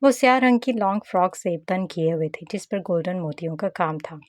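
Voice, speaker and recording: A woman's voice: lowish voice, animated, fairly quick, no echo, studio quality. A woman reading a romantic novel aloud, giving each character a voice in the dialogue. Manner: voices every character, rising and brighter in quoted dialogue. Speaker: narrator of an audio novel. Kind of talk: scripted novel narration with acted dialogue.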